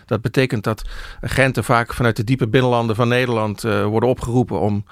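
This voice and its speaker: A middle-aged male journalist explaining things in conversation, thoughtful and often pausing with hesitations and restarts. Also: medium pitch, little pitch movement, no echo, studio quality. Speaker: journalist guest.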